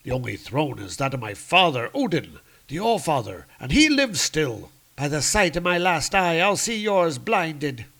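Man putting on a haughty warrior woman, spellbound, declaiming, pitched high, loud. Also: sing-song, normal speed, few pauses.

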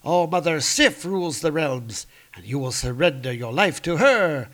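Man voicing a spellbound warrior woman, haughty, high declaiming delivery. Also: lively intonation, normal speed, a bit bright.

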